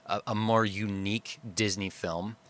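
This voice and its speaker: A man's voice: on the low side, fairly even intonation, measured pace, a bit bright. A man co-hosting a podcast, talking casually about films in a rambling, reflective way. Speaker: podcast co-host. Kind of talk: casual film discussion.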